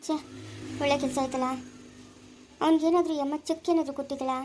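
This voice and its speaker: A woman playing a proud, stubborn woman police officer who gives brisk orders. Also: high-pitched, fairly even intonation, darkish tone, a little hiss or hum, lightly acted. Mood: worried. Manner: brisk and commanding.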